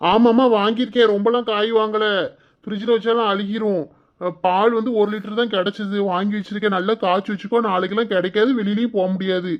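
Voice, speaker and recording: A man playing a calm, matter-of-fact husband. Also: high-pitched, fast, natural voice. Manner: plain, steady. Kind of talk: cartoon voice acting. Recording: dull lo-fi recording.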